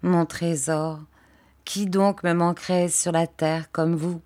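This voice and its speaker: A woman voicing a gentle young husband who speaks to his wife in a low, hushed and tender way. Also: fairly even intonation, takes it slowly. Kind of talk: audiobook character voice.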